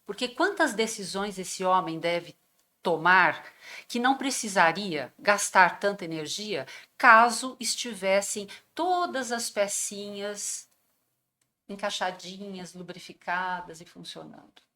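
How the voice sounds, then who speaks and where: A woman's voice: medium pitch, expressive, slow, bright, forceful tone. A woman on a podcast persuasively making her case as a guest, posing rhetorical questions. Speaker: guest mental health professional. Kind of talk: explanatory conversation.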